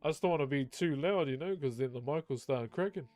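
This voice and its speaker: Speaking fast in a naturally loud voice on the high side, a man reads a novel aloud for his live stream audience. Between passages he chats casually and swears freely. Faint music plays behind him, and he uses a desk microphone.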